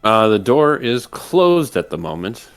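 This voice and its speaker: A man narrating a tabletop game as game master, pausing haltingly while he improvises. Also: medium pitch, sing-song, clean tone, no echo, soft background music.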